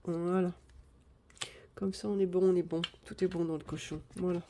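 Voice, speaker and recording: Chatty french-speaking woman filming herself on her phone, lowish mellow voice, bit of hiss behind. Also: steady tone, moderate pace. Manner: chatty, thinks aloud while counting cash. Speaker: budgeting vlogger. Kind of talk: casual live chat.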